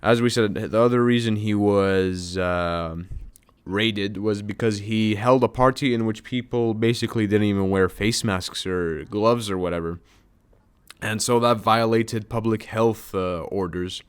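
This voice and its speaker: This commentary YouTuber speaks at a measured pace in a lowish, clean voice, ridiculing a news article as he reads it in a relaxed way. His talk wanders, with frequent fillers and false starts.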